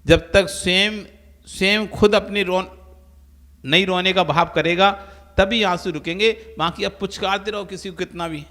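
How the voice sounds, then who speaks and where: A man's voice: high voice, fairly even intonation, normal speed, pushed and bright. A man, a monk, giving a sermon and telling everyday stories with acted-out voices. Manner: storytelling with acted-out quoted voices. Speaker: Jain monk preacher. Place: preaching hall. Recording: long hall reverb.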